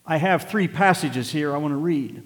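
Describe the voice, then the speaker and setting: A man's voice: fairly high pitch, moderate pace, in a large hall. A pastor in his late fifties preaching a sermon, moving from conversational reflection to emphatic, rising exhortation. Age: 50s. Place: church sanctuary.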